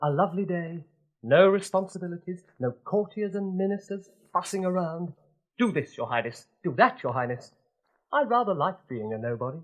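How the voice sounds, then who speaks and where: A man's voice: sits high, animated, normal speed, lo-fi sound. A young man playing a kind, bored young prince in a storybook recording, wry, playful and well-spoken. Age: young adult.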